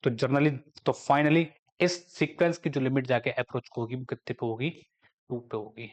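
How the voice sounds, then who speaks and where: A man with a medium-pitched voice gives a maths lecture, explaining each step and posing questions he then answers himself. Whenever he dictates a formula, he slows right down.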